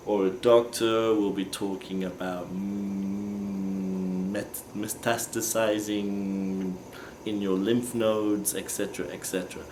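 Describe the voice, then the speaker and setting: A man teaching English phrases, explaining slowly and patiently and acting out example questions. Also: on the low side, slight background noise. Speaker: language teacher. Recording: echoey room with faint ambience.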